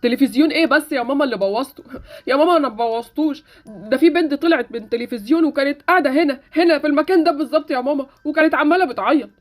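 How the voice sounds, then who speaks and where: A woman's voice: high voice, racing, faint music behind, natural voice. A woman voicing a stubborn boy in a Roblox story drama, speaking with an Egyptian accent and insistent pleading. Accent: Egyptian Arabic. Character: stubborn boy hero, warning everyone.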